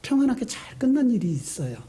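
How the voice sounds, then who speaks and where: High-voiced, animated male pastor preaching. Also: fast talker. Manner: lively storytelling, acting out quotes; sudden swings between high excited and low hushed delivery. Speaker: senior pastor. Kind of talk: sermon.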